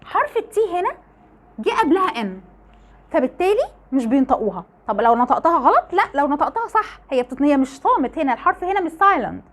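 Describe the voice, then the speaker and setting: Egyptian lady teaching english sounds online, quick and bouncy, says every example word twice. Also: high-pitched, a little hiss or hum. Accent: Egyptian Arabic. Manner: lively, fast explaining with repeated example words. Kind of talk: online lesson.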